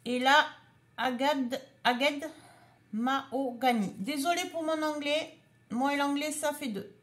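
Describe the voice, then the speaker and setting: A craft vlogger with a high, fairly bright voice chats casually and slowly while showing off a craft haul. She goes through the items one at a time.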